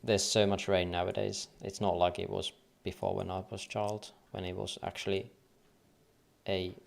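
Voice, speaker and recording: Deep-voiced and slightly gravelly with a creaky edge, a man from Finland speaks with a light Finnish accent while casually walking through trading charts on a livestream. He muses aloud and murmurs wave counts under his breath, at a moderate pace with little pitch movement.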